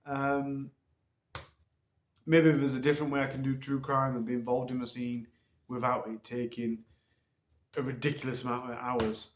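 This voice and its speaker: A man, a channel host, giving viewers a casual, rambling update full of ums, recorded on a low-quality phone. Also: slight background noise. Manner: hesitant, rambling, many ums. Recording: dull, roomy phone recording.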